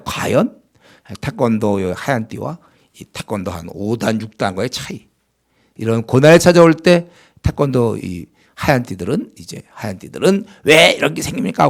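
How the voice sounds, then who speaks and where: A man's voice: medium pitch, very animated, normal speed, vocal fry, darkish tone. A man preaching a sermon as pastor, in a conversational style that acts out complaining believers in a raised voice.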